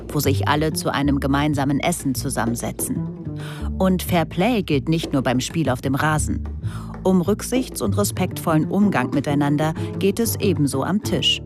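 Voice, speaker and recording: Tiefe Frauenstimme, Sprecherin mit Musik. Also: female voice, deep voice. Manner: calm, measured reading. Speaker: radio feature narrator. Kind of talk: scripted narration. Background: music underneath.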